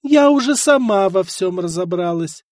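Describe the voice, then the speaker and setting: A man's voice: sits high, sing-song, moderate pace, darkish tone, dry recording, studio quality, voice pushed up. A man voicing a proud noblewoman princess who speaks coldly and firmly, in a storybook reading. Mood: icy. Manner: cold, firm, disdainful.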